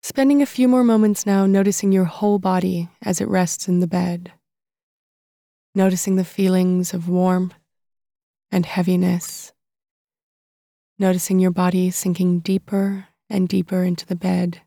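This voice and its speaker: Woman, soft creaky voice, even pitch, calm soothing meditation guide, unhurried with long pauses. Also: no room sound, studio quality. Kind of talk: guided body-scan meditation narration.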